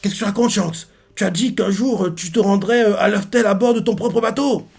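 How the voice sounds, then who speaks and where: A man voicing a bitter, boastful adult male clown pirate with a high, indignant, shouted delivery. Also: brisk, creaky, breathy edge, full character voice.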